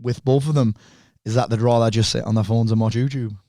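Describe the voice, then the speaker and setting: Fast-talking, animated man, close and dry. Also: mid-range voice, no echo. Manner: animated storyteller, swears freely. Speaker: podcast guest. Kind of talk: casual conversation.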